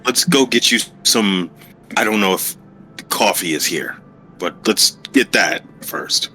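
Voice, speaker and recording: A man's voice: fairly low pitch, expressive, slow, bright, forceful tone, soft background music. A man playing in a tabletop game, with a dry, teasing manner. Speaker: player. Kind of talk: casual tabletop banter.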